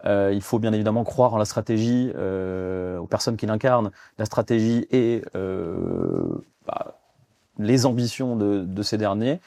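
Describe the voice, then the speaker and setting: A man's voice: on the low side, expressive, unhurried, creaky, mellow, dry recording, studio quality. A man in his thirties from France, a guest in a business interview, talking with many fillers and restarts. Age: 30s. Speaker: guest, fund development director.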